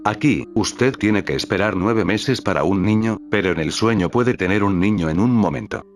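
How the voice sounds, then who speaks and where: A man reading a spiritual teacher's talks aloud in a calm, measured way, voicing the questions and stage directions too. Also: lowish voice. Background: faint background music.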